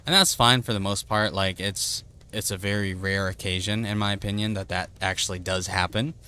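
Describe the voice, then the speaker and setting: A male streamer at his home setup casually explains his audio settings into a desktop streaming mic with a noise gate, chatty and loose with lots of fillers. His low voice is smooth, pushed and bright, with fairly even intonation and a fairly quick pace.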